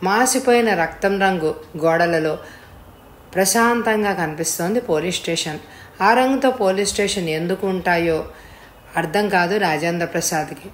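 A woman narrates a story in a steady, plain manner. Her voice rings in an echoey room with a faint hiss underneath. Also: fairly low pitch, normal speed. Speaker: audiobook reader.

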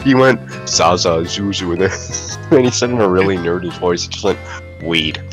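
A young man joking around slowly while reacting to videos with friends. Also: low voice, music in the background. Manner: slow, joking banter. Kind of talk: casual reaction commentary.

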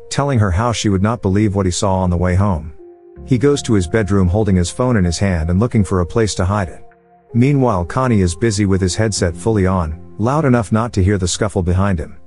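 Low-voiced man narrating a movie recap. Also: a little mellow. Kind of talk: scripted narration.

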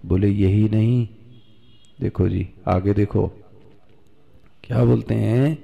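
A man's voice: on the low side, fairly even intonation, vocal fry, narrow, tinny audio. A man from India, a swami, giving a scripture discourse to listeners, asking rhetorical questions and answering them himself, and drawing out Sanskrit verses. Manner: slow, drawn-out recitation of Sanskrit; addresses listeners directly, teacherly.

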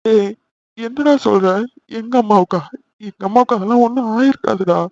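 A man voices a worried young man in a homemade cartoon, earnest and pleading. He talks fast in a high, lively register. The recording is dry and a little dull, like a lo-fi home mic. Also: no echo. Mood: anxious. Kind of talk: amateur cartoon dubbing.

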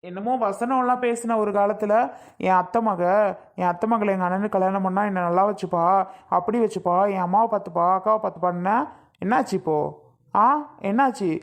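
A woman's voice: medium pitch, fairly quick, lightly acted. A woman voicing an easygoing young husband in a cartoon, teasing and hospitable. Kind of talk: cartoon voice acting.

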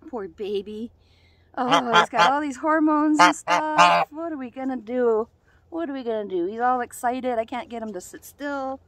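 A woman's voice: fairly high pitch, lively intonation, normal speed, over a noisy crowd. A woman vlogging outdoors on a farm, talking to her pet goose in cooing baby talk and chuckling often. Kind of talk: casual outdoor vlog with pet geese. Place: outdoors on a cold farm property. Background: geese honking.

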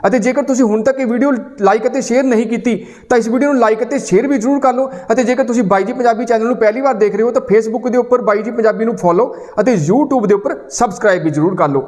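A man narrates a screen tutorial step by step. His voice sits high and his delivery runs quick. He keeps a steady, instructive tone and speaks to viewers as friends. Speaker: channel host explaining phone settings.

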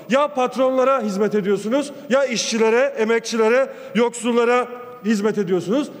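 A man delivering a forceful parliamentary speech at a rostrum pulpit microphone in a large chamber. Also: very high-pitched. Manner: forceful, emphatic oratory with repeated lists. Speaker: member of parliament. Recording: long hall reverb of a large chamber.

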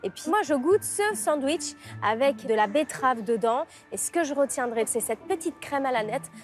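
A woman judging a bakery on a TV food show, praising the pastries and bread with warm appraisal inside the shop. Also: high-pitched, animated, normal speed, faint music behind. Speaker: bakery judge. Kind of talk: food tasting commentary.

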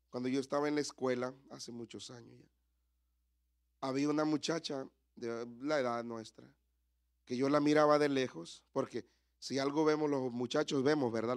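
A man in his thirties, a pastor preaching a sermon at a church service and calling out to the congregation with repeated rhetorical questions. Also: mid-range voice.

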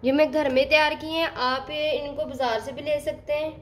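A woman with a high, light voice talks through a home recipe one step at a time. Her delivery is calm and plain, with each stage pointed out to the viewer. A faint hiss sits under the recording. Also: normal speed. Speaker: cooking channel host. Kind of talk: step-by-step cooking instructions. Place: home kitchen.

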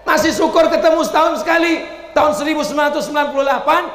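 A middle-aged man from Riau, Indonesia, preaching a lively sermon, animated and breaking into shouts. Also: very high voice, very fast. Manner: animated, switches to shouting and acted voices. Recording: echoey hall with long reverb.

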